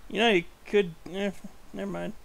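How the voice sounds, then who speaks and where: A man's voice: high-pitched, fairly even intonation, moderate pace, vocal fry, a bit bright. A young man hosting a casual gameplay video, chatty and joking, often laughing as he plays. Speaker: channel host. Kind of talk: gameplay commentary.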